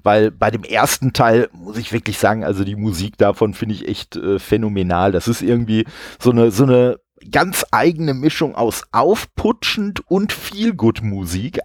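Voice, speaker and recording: A man's voice: medium pitch, dry recording, studio quality. A man in his forties hosting a casual podcast about retro games, chatty, with lots of fillers. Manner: chatty, many fillers, laughs often. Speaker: podcast host.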